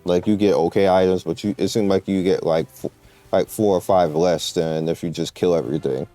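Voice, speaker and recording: With a deep, dark voice and fairly even intonation, this man talks a little fast while presenting a game guide. He rambles through informal, slang-filled explanations to guide his viewers, over soft background music.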